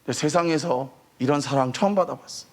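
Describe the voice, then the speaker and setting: A man giving a sermon as a missionary preacher, telling his testimony in an animated, storytelling way and rising to emotional near-shouting at the high points. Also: fast talker. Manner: animated storytelling, acting out quoted voices. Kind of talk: sermon testimony to a youth service.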